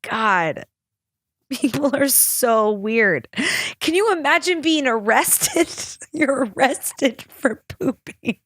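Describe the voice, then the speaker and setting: A woman's voice: high voice, animated, slow, fairly bright tone, no room sound, clean studio sound. A young woman hosting a casual solo podcast, telling a story in a rambling way, full of fillers and laughter. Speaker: podcast host.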